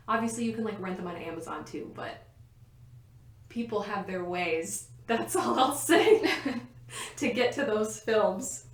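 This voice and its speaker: Co-hosting a casual podcast from her bedroom at home, a young woman rambles happily, giggling and often laughing mid-sentence. Her ordinary-pitched voice moves at a measured pace with frequent pauses, and the room adds a noticeable echo.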